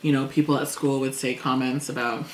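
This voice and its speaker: A woman chatting casually over a meal, talkative and quick to laugh, acting out things people said. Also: very deep voice, level tone. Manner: chatty, laughs often, acts out past quotes. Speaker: co-host. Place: indoors at a table. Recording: echoey room, faint noise.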